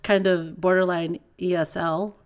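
A podcast co-host with a lowish, unhurried voice joins a casual chat, animated and laughing often. She grew up in a Filipino bilingual household.

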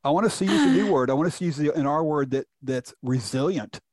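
A man's voice: fairly high pitch, fast talker, darkish tone, dry recording, clean studio sound. A middle-aged man from Houston, a chief economist, explaining reports in a conversational podcast interview with frequent restarts. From Houston, Texas.

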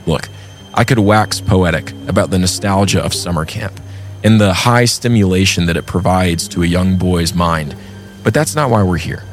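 A man's voice: sits low, moderate pace. A man hosting a storytelling podcast, speaking scripted narration in a conversational yet theatrical, ornate way. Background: background music.

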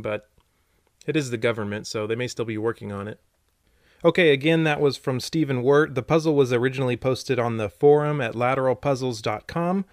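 A man's voice: medium pitch, no echo, studio quality. A man hosting a puzzle podcast in a conversational way with wry, jokey asides, recorded in a small closet. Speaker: podcast host. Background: music.

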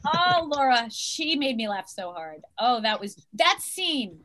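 High-voiced excitable actress guest. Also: female voice, a little slow, a crowd in the background. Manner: laughing, excitable, rambling. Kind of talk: animated anecdote telling.

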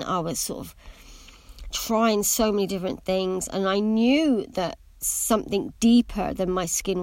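A woman's voice: medium pitch, dry recording. A middle-aged woman who wears braces that slightly affect her pronunciation, sharing a candid, reflective personal monologue as a podcast host, in a hesitant, meandering way. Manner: speaking with braces, occasionally imprecise pronunciation.

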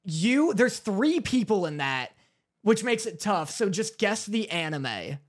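A man's voice: sits high, sing-song, takes it slowly. A man co-hosting a podcast in casual chat, acting as quizmaster for his friend. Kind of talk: casual chat, running a quiz.

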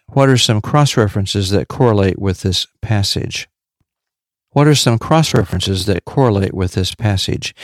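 A man teaching on a devotional podcast in a measured way, repeating key points for emphasis. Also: lowish voice, no echo, clean studio sound.

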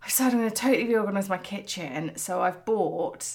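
A woman's voice: medium pitch, a little fast, vocal fry. A woman co-hosting a podcast in casual chat, rambling and chatty with lots of filler words. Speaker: podcast co-host.

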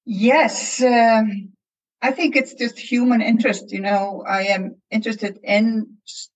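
A woman from Iceland with an Icelandic accent, a novelist chatting hesitantly as a panel guest and pausing often to find her words. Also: fairly high pitch, steady tone, lo-fi sound. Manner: hesitant, many fillers and restarts while searching for words. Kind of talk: casual panel chat.

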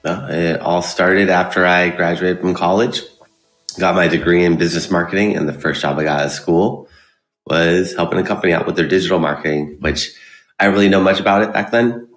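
Very deep-voiced man, echoey room. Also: fairly even intonation, a little fast, fairly bright tone, faint music behind. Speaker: podcast guest, digital marketing expert. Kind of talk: conversational interview answers. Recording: roomy, echoey sound.

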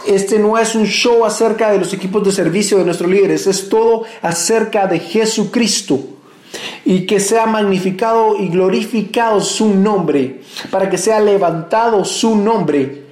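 Male pastor, high voice, earnest conversational sermon to his church. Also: measured pace, a little mellow, roomy sound. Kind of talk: church message.

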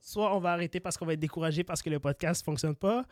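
A man's voice: fairly high pitch, quick pace, no echo, studio quality. A man with a Québécois accent hosting a casual couple's podcast late at night, joking and stammering, a bit tired. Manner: joking, stammering, playful boasting. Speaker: podcast host. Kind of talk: casual chat.

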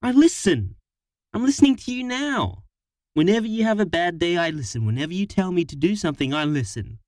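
A man's voice: sits high, animated, brisk, a little mellow, no echo, clean studio sound, pitched above the performer's own voice. A man voicing a heartbroken young man who whines and defends himself in a strained, sputtering way. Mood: pleading. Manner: whiny and defensive.

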